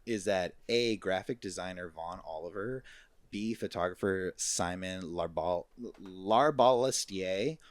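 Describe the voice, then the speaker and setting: A man's voice: sits low, measured pace, dry recording. A man hosting a casual trivia segment on a podcast, reading out multiple-choice questions, laughing and swearing casually. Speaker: quiz host.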